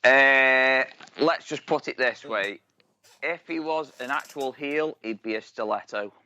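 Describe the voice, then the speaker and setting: A man's voice: medium pitch, a little slow, pushed and bright, a little hiss or hum. A man co-hosting a podcast, cheeky and teasing with crude jokes. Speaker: podcast co-host. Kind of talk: casual chat. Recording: dull lo-fi dry sound.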